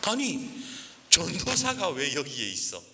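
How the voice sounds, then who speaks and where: A male pastor voicing a gruff male prison inmate who talks bluntly and pushes his point. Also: a little high, wildly swooping pitch, unhurried, sharp tone, long reverb tail, a little hiss or hum, full character voice. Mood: curious. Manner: blunt, pushy.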